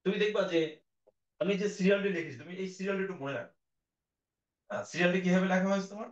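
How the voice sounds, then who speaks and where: A male teacher giving a recorded class lecture, explaining patiently and sounding out vowels for his students. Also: high-pitched. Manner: explains slowly, demonstrates vowel sounds aloud; addresses students directly, patient. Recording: dull, echoey room audio.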